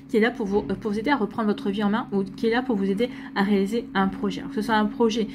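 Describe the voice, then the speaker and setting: A woman's voice: medium pitch, steady tone, fast talker, noisy background. A French woman giving a casual, rambling astrology reading to her viewers, full of restarts and reassurance. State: hiccups. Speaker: astrology and tarot reader.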